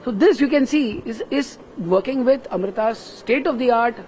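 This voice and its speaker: With an extremely high pitch and a moderate pace, a slightly mellow-toned man from Kerala explains his research in earnest, step-by-step fashion, frequently tagging lines with "right?" He's a professor with an Indian English accent being interviewed at a busy summit venue. A little hiss or hum runs under the audio.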